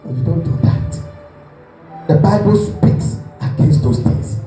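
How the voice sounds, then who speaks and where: A pastor preaching a sermon, telling a story and acting out the voices, often asking the congregation whether they are listening. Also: male voice, a little high, slow pace. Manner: animated storytelling, acts out voices, asks the congregation questions. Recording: echoey hall with music behind.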